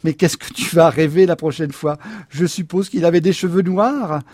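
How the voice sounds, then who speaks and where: A man's voice: a little high, moderate pace, darkish tone, no echo, clean studio sound, natural voice. A man reading aloud, voicing an irritable, dismissive husband who answers curtly and sarcastically. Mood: mocking. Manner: curt, sarcastic retorts.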